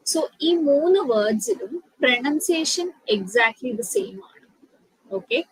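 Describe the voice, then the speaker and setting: A young woman with a Malayali accent teaching an English lesson, spelling out words letter by letter and switching between careful English and quick Malayalam. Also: a little high, lively intonation, breathy edge, no room sound, low-quality recording. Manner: slow, deliberate English explanations, mixed with rapid Malayalam. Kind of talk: online spoken-English lesson.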